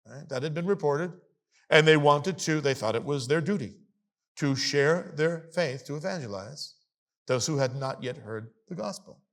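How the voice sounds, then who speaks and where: A man teaching a congregation in a sermon style, his voice pitched a bit high for a man. He speaks emphatically, with lively swings and wry asides. He reads a document aloud and comments on it line by line. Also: moderate pace. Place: congregation meeting hall.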